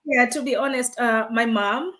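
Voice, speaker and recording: A woman's voice: on the high side, normal speed, fairly bright tone. A woman from Uganda, a guest in an interview, telling her story in a friendly way and laughing between phrases. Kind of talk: interview answers.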